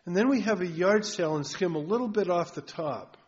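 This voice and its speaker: A man's voice: high-pitched, expressive, a little fast. A middle-aged male pastor giving a folksy, conversational sermon full of rhetorical questions. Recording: dull lo-fi recording.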